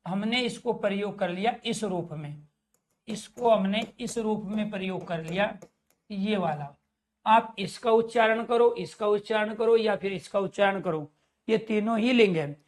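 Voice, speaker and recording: A man's voice: high voice, unhurried. A man teaching a Hindi grammar lesson in an online class. He keeps asking his students questions and answering them himself, and calls his viewers dear friends.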